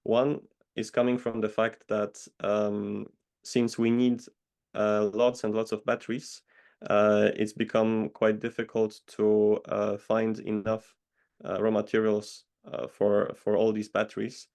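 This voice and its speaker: A man from Poland, answering interview questions in a measured, hesitant way over a video call. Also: on the low side, little pitch movement, creaky, a little mellow. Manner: measured, hesitant with many pauses. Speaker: guest consultant.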